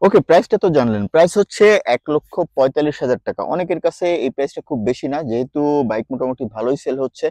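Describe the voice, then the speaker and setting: A man's voice: medium pitch, lively intonation, very fast, hardly any pauses, mellow, dry recording. A man with a Bangladeshi Bengali accent giving a chatty motorcycle review while riding, dropping in English phrases and calling the listener brother.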